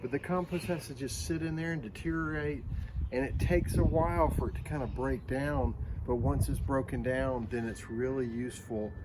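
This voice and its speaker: A man's voice: medium pitch, normal speed. A man with an American accent hosting a children's how-to show, explaining in a casual, plain-spoken, folksy way while outdoors. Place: outdoors, backyard. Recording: noisy outdoor ambience.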